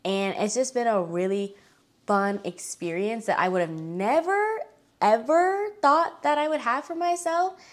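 A young woman vlogger chatting casually to camera, acting out quoted lines with lively jumps in pitch. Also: unhurried. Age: young adult. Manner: chatty, lots of fillers, acts out quoted dialogue with bright pitch jumps. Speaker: fitness vlogger.

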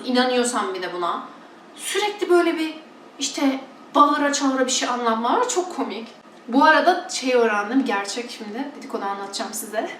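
Woman, from Turkey, high-pitched, blunt, mocking, casual vlog chat, roomy echo. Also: a bit bright, far from the mic, slight background noise. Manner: blunt, mocking, mimics preachers in a shaky voice. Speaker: vlogger. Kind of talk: casual chatty storytelling.

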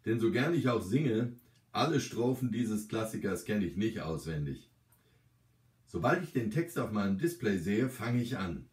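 A man's voice: lowish voice, normal speed, recorded from a distance. Man reading a story in a roomy space. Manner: calm, gentle reading. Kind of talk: scripted narration. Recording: roomy, from the mic.

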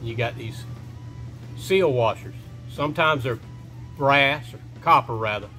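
A man's voice: mid-range voice, a little slow, bright, forceful tone. A middle-aged man in his workshop, walking through a repair step by step in a casual, folksy way. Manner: plain step-by-step talk with folksy phrasing. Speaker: shop owner showing a repair. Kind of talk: casual how-to instruction. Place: indoor workshop. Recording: music playing underneath. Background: background music.

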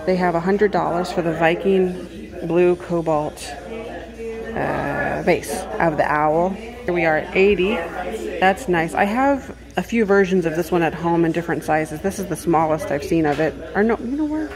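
Browsing a house and garage at estate sales, this vlogger and antiques reseller chats casually, half to herself, at a normal speed in a lowish voice. A crowd can be heard behind her, and she records on a handheld phone or camera.

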